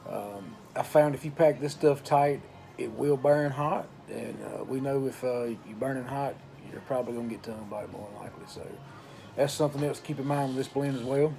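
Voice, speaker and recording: Mellow, unhurried man reviewing casually. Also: medium pitch, creaky, slight background noise. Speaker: pipe tobacco reviewer. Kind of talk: casual product review talk.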